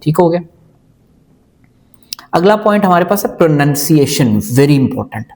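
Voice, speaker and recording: Calm man teaching English pronunciation. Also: on the high side. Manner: explains calmly, mixing English phrases into Hindi-Urdu; slows down to model English sentences word by word. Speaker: IELTS teacher. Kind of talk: instructional video lecture.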